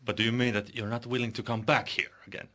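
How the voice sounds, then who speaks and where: A man's voice: mid-range voice, level tone, fast, bright, forceful tone. A man who is not an English speaker, hosting a radio interview, asking simple questions and laughing often. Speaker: radio host. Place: radio studio.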